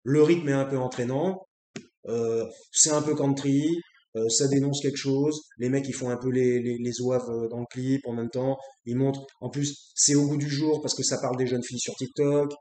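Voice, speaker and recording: A man's voice: medium pitch, fairly even intonation, normal speed, mellow. A man from France hosting his own show, talking off the cuff in a rambling, blunt and crude way, with many fillers and restarts. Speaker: host. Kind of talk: unscripted casual monologue. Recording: echoey room.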